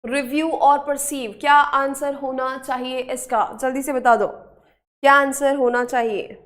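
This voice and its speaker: A woman with an Indian accent teaching English spelling in a live online class, brisk and encouraging, urging students to answer quickly. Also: high-pitched, fairly even intonation, fairly bright tone.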